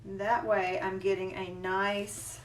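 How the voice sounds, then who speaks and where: A woman with a Southern US country accent who gives a calm, chatty, step-by-step painting lesson as an instructor. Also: medium pitch, slow, far from the mic, a little hiss or hum. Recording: roomy sound, mic set back.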